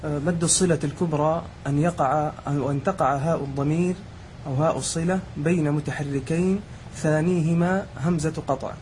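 A man's voice: fairly high pitch, steady tone, a little fast, darkish tone, slight background noise. A man student answering a question with a carefully recited definition.

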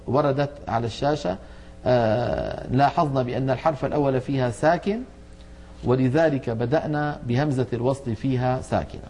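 A middle-aged man teaching a televised lesson on Quranic recitation, explaining methodically and slowing down to enunciate each example word. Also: medium pitch, mellow.

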